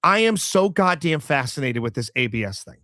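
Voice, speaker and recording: A man hosting a podcast, telling a crude comic story in lively chat and acting out what others said. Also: fairly high pitch, a little fast, no room sound, clean studio sound. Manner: animated, crude jokes, acts out quotes. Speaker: podcast host. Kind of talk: casual comedic storytelling.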